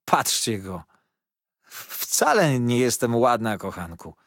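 A man voicing a kind, plump, middle-aged nursemaid with a warm, slow, emphatic way of speaking in an audiobook reading. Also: medium pitch, very animated, no room sound, studio quality, full character voice.

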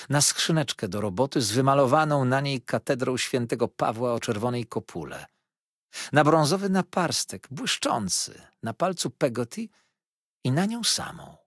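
A man reading a classic novel aloud as an audiobook narrator, in an expressive, measured storytelling manner. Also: medium pitch, husky, no room sound, studio quality. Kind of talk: scripted narration.

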